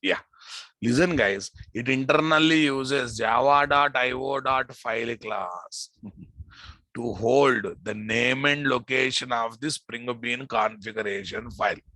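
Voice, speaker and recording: Slow, bright-voiced Telugu-accented man teaching. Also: medium pitch, dry recording. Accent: Telugu Indian. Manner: repeats phrases, quizzes listeners with frequent questions. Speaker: programming instructor teaching a live class. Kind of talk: informal technical lecture.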